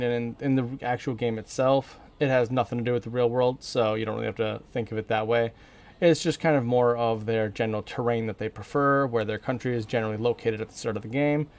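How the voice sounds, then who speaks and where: A man's voice: medium pitch, darkish tone. American man casually commentating a game stream. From northern Minnesota, USA. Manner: rambling, informal, thinking aloud.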